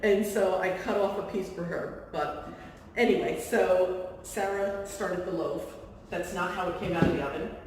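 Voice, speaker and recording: A woman's voice: on the low side, steady tone, moderate pace, darkish tone, slight background noise. Brief: woman host, casual cooking demo, chatty and self-deprecating, heard from a distant camera mic in a reverberant room. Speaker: real estate agent hosting a cooking demo. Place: kitchen of a rental home.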